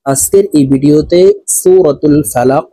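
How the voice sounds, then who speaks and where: A man with a Bangladeshi Bengali accent teaching Quran recitation, slowly and patiently, breaking each word apart and repeating phrases. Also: fairly high pitch, vocal fry, warm tone, dry recording. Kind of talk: slow, patient teaching with drawn-out chanted recitation.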